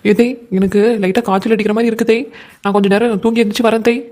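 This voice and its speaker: A voice actor playing a young new wife in a cartoon comedy, wailing complaints and loud threats. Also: medium pitch, flat delivery, very fast, no echo, natural voice. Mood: dramatic.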